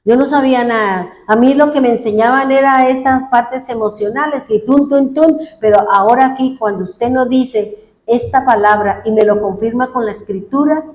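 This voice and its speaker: A woman's voice: on the high side, normal speed, a little mellow. A woman pastor preaching a fervent sermon, retelling what congregants said and praying aloud as she goes. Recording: echoey room.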